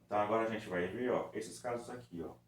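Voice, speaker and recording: A man teaching a recorded review lesson for children, patiently stretching out words syllable by syllable. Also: lowish voice. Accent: Brazilian Portuguese. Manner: patient, drawn-out syllable-by-syllable demonstration. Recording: echoey room with faint background noise.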